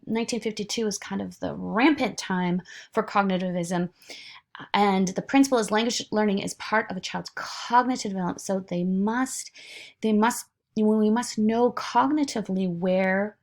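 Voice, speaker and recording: A woman's voice: mid-range voice, vocal fry. A woman lecturing informally to her students, with frequent fillers and restarts. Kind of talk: recorded online lecture.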